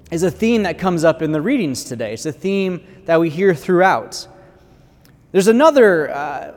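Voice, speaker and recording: An American man speaking as a priest at Mass in church, his voice carrying a long cathedral echo. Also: fairly high pitch. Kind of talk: liturgical Gospel reading and conversational homily. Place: large church interior.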